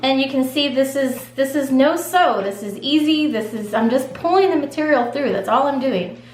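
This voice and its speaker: A woman with a fairly high voice talks viewers through a craft project in a relaxed, chatty way. Her voice rings in an echoey room, with a faint hum underneath. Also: normal speed. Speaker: craft tutorial host. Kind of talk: casual step-by-step craft demonstration.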